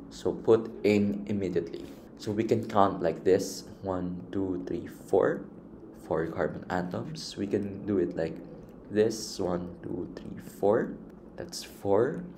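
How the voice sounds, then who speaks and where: A man's voice: deep voice, darkish tone, a little hiss or hum. A man patiently explaining a chemistry lesson step by step and counting items aloud. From Philippines. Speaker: chemistry teacher.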